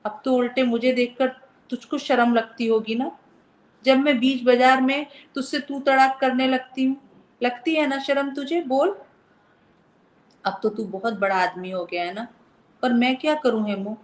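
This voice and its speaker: A young elder sister figure, stern yet loving, speaks with heartfelt feeling, voiced by a woman reading a story. Her voice sits a little high. The sound carries a roomy echo. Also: normal speed, close to an everyday voice. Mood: tender. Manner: scolding then tender, heartfelt.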